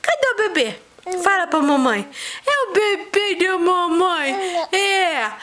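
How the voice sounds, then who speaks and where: A woman's voice: very high voice, big pitch swings, slow, sharp tone, slight background noise. A mother playfully teasing her baby in sing-song baby talk.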